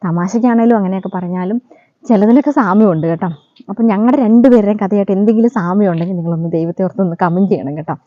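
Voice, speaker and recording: In a dull, lo-fi recording with no room sound, a woman vlogger tells a casual story fast, her voice mid-range, adding a friendly "you know" as she goes.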